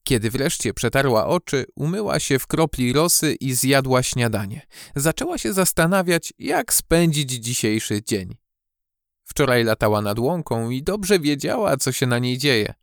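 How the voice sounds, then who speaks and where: A man narrating a children's storybook audiobook with expressive, measured storytelling on a close studio mic. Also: medium pitch, vocal fry, no echo.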